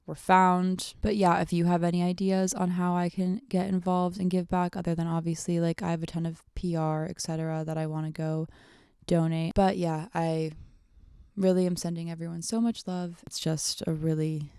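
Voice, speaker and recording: A young adult woman, hungover, chatting casually on her solo podcast in a halting, rambling way that often trails off, with vocal fry. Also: fairly low pitch, level tone, dark tone, no room sound, clean studio sound. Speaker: podcast host.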